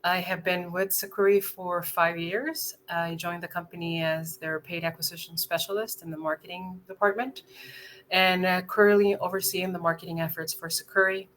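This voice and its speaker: Cheery costa rican lady on a video call, lowish voice, bit of hum behind. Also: little pitch movement, moderate pace, fairly bright tone. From Costa Rica. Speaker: marketing lead. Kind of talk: online panel introduction.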